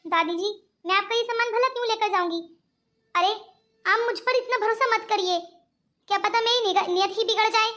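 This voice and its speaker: Woman doing an earnest, honest cartoon girl, very high bright voice. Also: fairly quick. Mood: polite. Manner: polite and earnest. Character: poor honest young woman. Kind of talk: cartoon voice acting.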